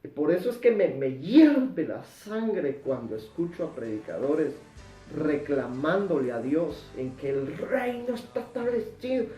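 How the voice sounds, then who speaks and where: Guy preaching a bible lesson real slow, mellow voice, sounds far off in a roomy space. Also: on the high side, very animated, faint music behind. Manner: emphatic, repeats words for stress. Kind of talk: Bible teaching sermon.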